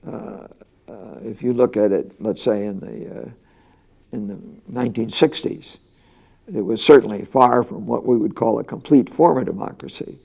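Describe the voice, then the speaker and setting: An older man giving measured interview answers, deliberate and pausing to search for words. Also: mid-range voice, gravelly, a little mellow.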